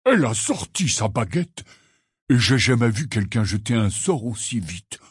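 A man reading the part of a huge, gruff but kindly half-giant gamekeeper in an audiobook, telling his tale in a rambling, earnest way. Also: medium pitch, big pitch swings, moderate pace, no echo, studio quality. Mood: rueful.

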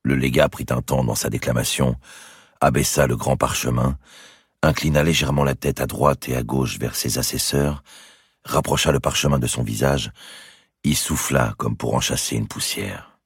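A man narrating a historical novel as an audiobook, in a measured storytelling manner. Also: a bass voice, steady tone, husky, dry recording, studio quality.

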